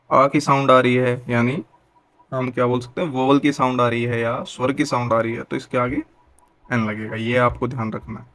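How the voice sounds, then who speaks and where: A young man gives a patient, steady grammar lesson. He keeps putting questions to his students and then answering them himself. His voice sits at an ordinary middle pitch. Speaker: teacher.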